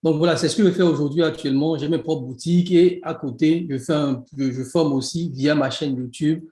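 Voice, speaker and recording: A man from Benin talks in a casual interview in a Beninese French accent. His voice is a little high and mellow, and his speech is full of restarts and easy laughter. The room around him echoes. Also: steady tone, a little fast. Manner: hesitant, many restarts, laughs easily. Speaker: guest, e-commerce coach.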